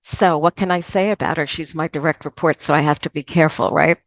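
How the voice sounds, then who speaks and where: A woman's voice: sits low, fairly even intonation, fast talker, gravelly, no room sound. A woman moderating a virtual conference, introducing a guest speaker in a heartfelt, earnest way. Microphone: video call.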